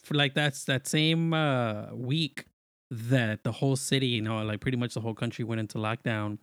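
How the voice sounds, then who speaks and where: A man's voice: medium pitch, normal speed, clear, resonant tone, dry recording, clean studio sound. Casual, slangy man telling personal stories. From Mexico. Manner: informal, slangy, quotes himself while telling stories. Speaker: podcast guest. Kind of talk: casual chat and personal storytelling.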